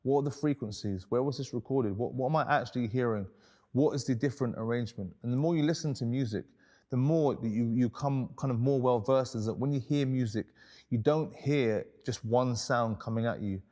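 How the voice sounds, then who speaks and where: A man's voice: mid-range voice, a little fast, mellow. A man teaching beatboxing in a loose, conversational way, often repeating words as he gathers his thoughts. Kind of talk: instructional talk.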